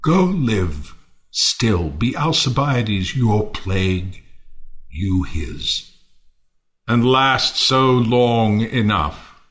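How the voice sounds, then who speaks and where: An actor playing Timon, a bitter, world-weary misanthrope, theatrically mournful and ranting in a Shakespearean audio play. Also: male voice, on the low side, sing-song, drawn-out words, heavily acted. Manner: theatrical, swinging from quiet to declaiming.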